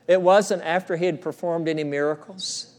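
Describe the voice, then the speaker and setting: A middle-aged pastor delivers an earnest sermon to his congregation in a church. His voice sits a little high for a man, and he often repeats his phrases. He drops to a soft, slow hush whenever he speaks the quoted words. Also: steady tone. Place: church sanctuary.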